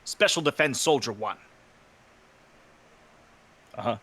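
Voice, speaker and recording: A man's voice: mid-range voice, expressive, slow, pushed and bright. A man narrating a fanfiction reading with friends, upbeat as he announces each speaker's cue. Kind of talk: casual chat and fanfiction narration.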